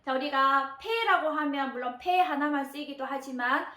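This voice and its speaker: A woman teaching Japanese kanji readings, patient, often pausing with fillers and repeating key words slowly. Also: high voice, pushed and bright. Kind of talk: explanatory lesson narration. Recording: roomy echo.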